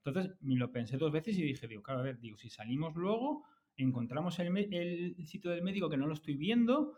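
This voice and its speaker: A man's voice: fairly high pitch, expressive, fairly quick, darkish tone. A man from Spain, a father telling a family story in a jokey way. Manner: jokey, laughs along. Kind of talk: casual storytelling.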